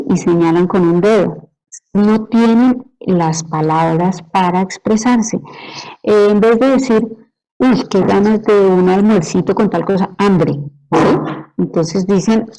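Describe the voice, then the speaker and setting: Woman lecturer, middle-aged, warm mellow tone, patient explanatory delivery. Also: medium pitch, low-quality recording. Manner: explanatory, asks "¿sí?" to check understanding. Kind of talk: university lecture.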